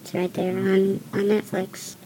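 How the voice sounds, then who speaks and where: A woman co-hosting a podcast, rambling through crude jokes in a deadpan way with plenty of fillers. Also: medium pitch, a little slow, a little hiss or hum, low-quality recording. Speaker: podcast co-host. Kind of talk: casual comedic chat.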